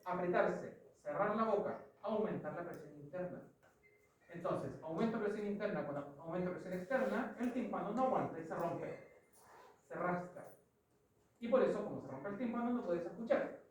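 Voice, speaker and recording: A woman's voice: medium pitch, moderate pace, a little mellow, distant mic, slight background noise. A woman with a Chilean accent teaching an anatomy class, explaining step by step and putting questions to the students. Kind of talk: classroom lecture. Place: large classroom. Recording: echoey classroom from afar.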